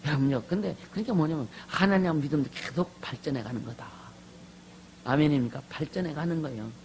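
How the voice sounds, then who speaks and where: A man, a pastor, preaching a lively conference sermon. He calls out to the congregation for amens and swings from soft asides to loud shouts. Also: on the high side, a little fast, a little hiss or hum, poor audio.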